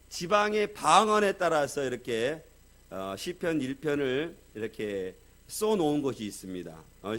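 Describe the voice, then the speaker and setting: A male pastor preaching a sermon in a soft-spoken, conversational way. He uses many fillers and lets his sentences trail off quietly. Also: fairly high pitch.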